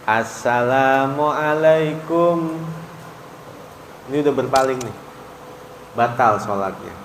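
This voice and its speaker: A man giving a mosque study sermon, chanting Arabic phrases slowly and then explaining them briskly. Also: medium pitch, a little hiss or hum. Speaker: religious teacher. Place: mosque hall. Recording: echoey hall, faint ambience.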